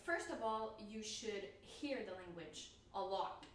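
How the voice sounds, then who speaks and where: A woman's voice: mid-range voice, animated, a little slow, very echoey, recorded from a distance, slight background noise. A woman vlogger talking casually about learning to pronounce a language, laughing often and restarting her sentences; her first language is an Indo-European one. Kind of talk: casual talk to camera.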